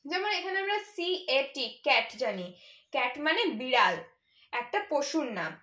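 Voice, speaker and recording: A woman teaching a children's English lesson, spelling out words slowly and patiently, letter by letter. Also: high-pitched, big pitch swings, sharp tone. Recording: echoey room.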